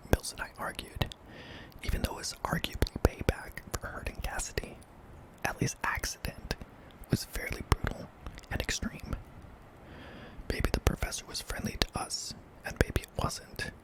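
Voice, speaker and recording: A man narrating a scary story in a hushed, breathy ASMR whisper, deliberate and broken into short phrases. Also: poor audio. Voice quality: breathy, mostly unvoiced whisper with some creak.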